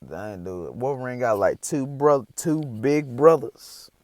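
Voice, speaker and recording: A man's voice: mid-range voice, expressive, slow, no echo. A man chatting casually as a reaction host, slangy and rambling.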